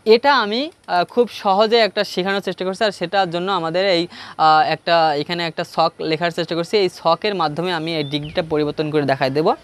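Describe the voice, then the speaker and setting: A man's voice: high voice, steady tone, fairly quick. A man with a Bangladeshi Bengali accent teaching an English grammar lesson step by step, asking questions and answering them himself. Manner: repeats key points for emphasis. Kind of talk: classroom grammar lesson at a board.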